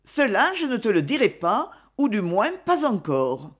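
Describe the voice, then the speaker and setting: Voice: mid-range voice, wildly swooping pitch, a little slow, fairly bright tone, heavily acted. A narrator voicing a grave, secretive aristocratic mother who warns her son in a solemn, insistent tone. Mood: grave warning.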